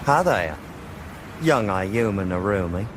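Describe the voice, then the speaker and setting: A suave, lilting anime stranger. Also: male voice, fairly low pitch, lively intonation, takes it slowly, over loud music. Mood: polite, teasing. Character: suave, courteous, enigmatic young male stranger. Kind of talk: English anime dub acting.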